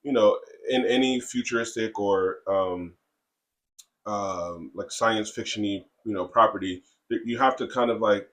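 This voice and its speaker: Low-voiced man chatting, halting. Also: fairly bright tone. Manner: halting, many fillers and restarts. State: has the hiccups. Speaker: comic creator and co-host. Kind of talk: casual podcast chat.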